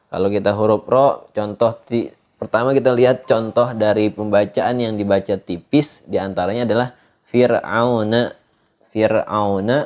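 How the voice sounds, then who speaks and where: A man's voice: on the low side, dark tone, lo-fi sound. A man teaching Quran recitation rules, explaining patiently and drawing out each recited example. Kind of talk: tajwid lesson. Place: studio.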